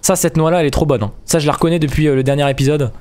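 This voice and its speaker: A young man hosting a video game playthrough in casual commentary, excitable and stumbling over his words. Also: fairly high pitch, rapid-fire. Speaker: gaming video host. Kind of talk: casual let's-play commentary.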